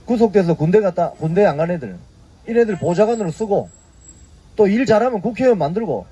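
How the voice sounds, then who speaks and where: A man's voice: high voice, dark tone, husky, lo-fi sound. A man in his fifties hosting a casual news briefing, prodding his viewers with short tag questions. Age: 50s. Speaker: YouTube news briefing host. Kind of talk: casual spoken commentary.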